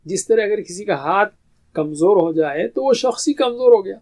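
A man's voice: sits high, animated, a little mellow. A man giving a grammar lesson as a teacher, explaining patiently and asking his own questions before answering them. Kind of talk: classroom lecture.

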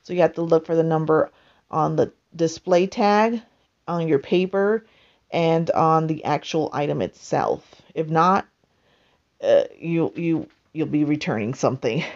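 A woman calmly narrating her own home video, explaining things step by step with frequent pauses. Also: sits low, dull audio. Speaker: vlogger. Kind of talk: casual voice-over narration.

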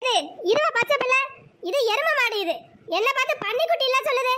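A woman voicing a scheming old cartoon grandmother with a Kanyakumari Tamil accent, coaxing and sing-song at first, then sharp-tongued. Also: very high-pitched, quick pace. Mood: snippy.

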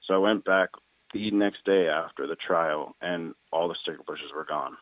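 A man from Washington state calls in over a tinny phone line, casually telling a personal story. His voice sits low and moves at a moderate pace, with no room sound.

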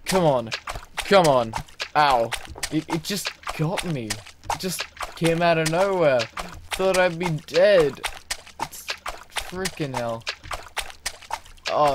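Excitable man narrating his own gameplay. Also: a little high, noisy background. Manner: excitable, talks to himself and the game, self-mocking. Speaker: gaming video host. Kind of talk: let's play commentary.

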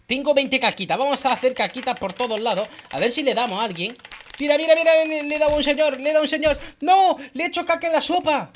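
A woman with a Spain Spanish accent giving excited gameplay commentary, often shouting and laughing. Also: high voice, fast talker, slight background noise. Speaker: gaming youtuber.

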